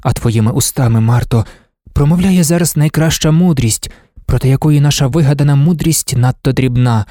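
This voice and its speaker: Male narrator playing a reflective young lover, measured and philosophical, mellow tone, dry close sound. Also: mid-range voice, no room sound, close to an everyday voice. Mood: musing. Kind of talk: audiobook reading.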